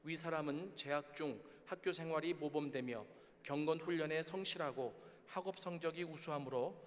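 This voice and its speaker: A man's voice: on the high side, normal speed. A man, a professor, formally announcing awards and reading citations at a ceremony. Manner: formal, reads names and citations. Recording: reverberant hall.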